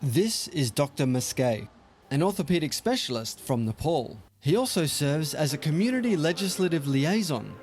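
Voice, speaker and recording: A man giving scripted documentary narration in a measured, explanatory way. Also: on the high side, lively intonation, a little mellow, slightly rough.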